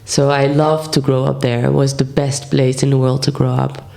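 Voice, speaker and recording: Relaxed gravelly woman in her thirties. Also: rumbling low, moderate pace. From Belgium. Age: 30s. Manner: relaxed, many fillers, laughs often. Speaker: horse trainer, guest. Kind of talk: casual interview.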